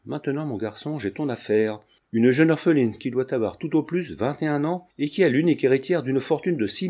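A man's voice: mid-range voice, warm tone, close to an everyday voice. A man voicing a jovial, sententious old retired lawyer in his sixties, bantering and lecturing at the dinner table. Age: 60s.

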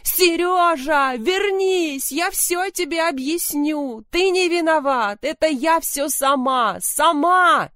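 A woman voicing a fragile, spoiled young woman who is shrill and shrieking, in a narrated story. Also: very animated, moderate pace, dry recording, studio quality, lightly acted. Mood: hysterical. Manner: shrill, shrieking and sobbing lines.

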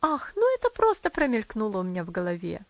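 A woman's voice: mid-range voice, huge pitch swings, fast, no room sound. A woman doing a cool, offhand society lady. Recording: dry, slightly dull recording.

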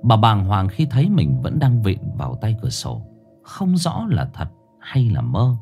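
A man narrating a ghost story in a dramatic, expressive way. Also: fairly low pitch, measured pace. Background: soft background music.

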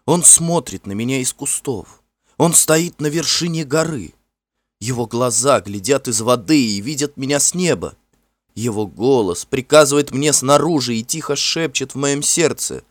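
A man voicing a gentle, frightened young fairy woman who speaks softly and imploringly in a storybook reading. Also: mid-range voice, expressive, normal speed, no echo, pitched above the performer's own voice, close to an everyday voice. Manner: soft, tremulous and imploring.

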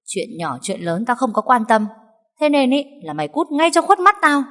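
A woman's voice: measured pace, lightly acted. A woman voicing a scheming, foul-mouthed young pregnant wife who snaps scornfully and wails in a put-on way. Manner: sharp, scornful snapping, shrill fake wailing. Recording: long hall reverb.

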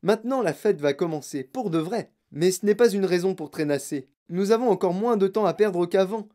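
A storybook reader voicing an eccentric, excitable grown man who makes chocolate and talks in delighted exclamations. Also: mid-range voice, moderate pace, voice pushed up, close to an everyday voice. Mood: jubilant.

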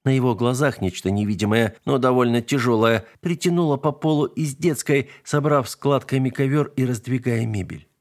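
A man reading a story aloud as narrator, in a steady, expressive manner. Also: medium pitch, moderate pace, hardly any pauses. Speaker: audiobook narrator.

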